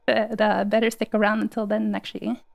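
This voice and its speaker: Young woman, casual stream chatter, rambling and laughing, dry close sound, gravelly edge. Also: mid-range voice, no echo. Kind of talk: casual livestream chat.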